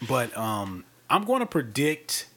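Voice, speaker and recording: Husky, animated man. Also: medium pitch, slow pace. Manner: enthusiastic, trails off and hedges. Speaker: podcast co-host. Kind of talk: casual chat.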